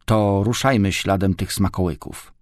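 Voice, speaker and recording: A man reading a storybook, voicing a calm, careful grandfather who explains things patiently. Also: low voice, moderate pace, no echo, studio quality, natural voice. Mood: fond.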